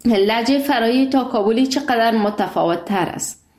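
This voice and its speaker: A woman's voice: fairly high pitch, a little mellow, roomy sound. A woman hosting a call-in radio show, chatting cheerfully with a caller and laughing often. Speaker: radio host.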